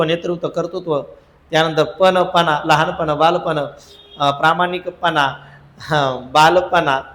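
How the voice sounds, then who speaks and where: A man's voice: a little high, a bit bright, echoey room, poor audio. Man drilling a grammar lesson. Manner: drilling, repeats answers in chant-like lists. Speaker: teacher. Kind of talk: exam-prep grammar lesson.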